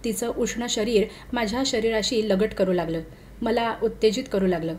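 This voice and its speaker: A woman narrating a first-person story in a steady, measured reading voice. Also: on the high side, slight background noise. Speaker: reader.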